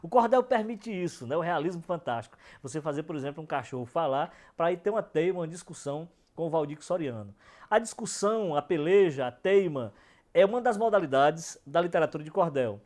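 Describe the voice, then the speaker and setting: A man's voice: fairly high pitch, animated, darkish tone. Emphatic man teaching poetry. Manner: emphatic, slows down to stress syllables and verse meter. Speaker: cordel poet explaining the form. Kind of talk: documentary lecture on folk poetry.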